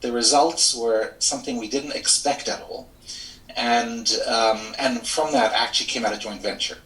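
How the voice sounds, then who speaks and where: A man's voice: medium pitch, normal speed, fairly bright tone. A middle-aged man from Switzerland, a lawyer and mediator, telling his story candidly and articulately in an interview over a video call. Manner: articulate, candid, self-deprecating. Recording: echoey room, distant from mic.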